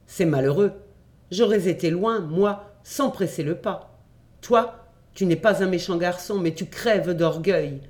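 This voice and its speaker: A man's voice: high voice, a little slow. A man voicing a blunt, mocking boy cousin in an audiobook reading, with a dry, sardonic delivery.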